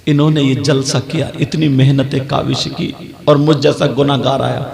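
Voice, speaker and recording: A male preacher telling a cautionary story at a religious gathering, in an impassioned, half-sung delivery with shouted peaks. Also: mid-range voice, little pitch movement, normal speed, gravelly, echoey room. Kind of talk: sermon. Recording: crowd noise at a live gathering.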